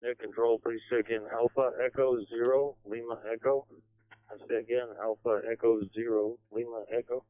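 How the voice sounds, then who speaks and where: A man's voice: mid-range voice, level tone, moderate pace, clean tone, no room sound. A ham radio operator checking in to the net over a two-way radio with static, using clipped, formal radio procedure and spelling his call sign phonetically. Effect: heard over a two-way radio with static. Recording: tinny, narrow radio transmission.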